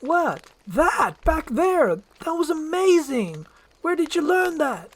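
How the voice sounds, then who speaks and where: A woman voicing a spirited, proper young princess with an earnest, brisk, exclaiming manner in a fairy-tale reading. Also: high-pitched, big pitch swings, a little hiss or hum, voice pushed up, exaggerated voice. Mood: annoyed, excited.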